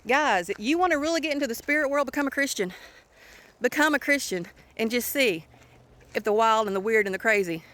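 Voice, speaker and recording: Bright-toned woman, earnest, talks straight to viewers like a friend, lots of restarts. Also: a little high, lively intonation, fairly quick. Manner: earnest, emphatic storytelling with many restarts. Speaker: ministry leader and author. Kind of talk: casual testimony to viewers.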